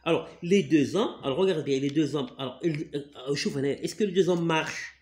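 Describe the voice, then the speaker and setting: A man's voice: on the high side, a little fast, darkish tone. A man with a Moroccan accent tutoring a child in reading, coaxing and repeating words to drill them. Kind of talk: reading lesson. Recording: echoey room.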